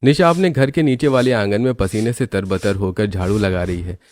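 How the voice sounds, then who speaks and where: A man narrating a cartoon story in a steady storytelling manner. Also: lowish voice, moderate pace. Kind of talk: scripted narration.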